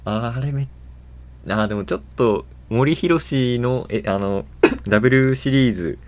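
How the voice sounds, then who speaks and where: A man in casual podcast chat who talks fast and eagerly about games and films, laughing often. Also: medium pitch, a little hiss or hum. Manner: excited fast-talking gamer enthusiasm, laughs often. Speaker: podcast co-host.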